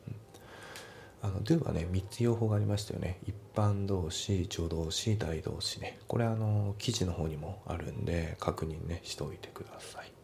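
A man teaching English, patiently going over test answers and repeating pronunciations slowly, often dropping into whispery asides. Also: deep voice, vocal fry, darkish tone, a little hiss or hum.

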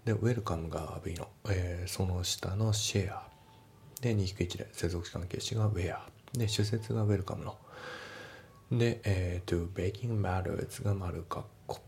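A man teaching English, breaking sentences into parts and reading English lines slowly, then explaining pronunciation. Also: deep voice, steady tone, vocal fry, a little mellow, slight background noise.

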